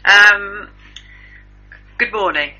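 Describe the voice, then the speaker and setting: A woman's voice: medium pitch, very slow, sharp tone, slight background noise. A woman hosting a casual news chat, talking in a chatty, gossipy, self-mocking way. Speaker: host. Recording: muffled lo-fi recording.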